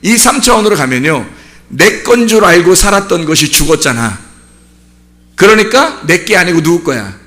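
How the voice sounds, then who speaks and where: A male pastor preaching a sermon emphatically, asking repeated rhetorical questions and bursting into shouts on key points. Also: high voice, very animated, normal speed.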